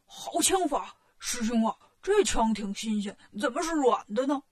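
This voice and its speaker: A clumsy, greedy male pig-monk from a children's storybook, played by a woman reader. He gasps and whines, and his voice has a strange, shifted timbre. The sound is high and a little husky. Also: expressive, moderate pace. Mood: jokey. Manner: gasping, whiny exclamations.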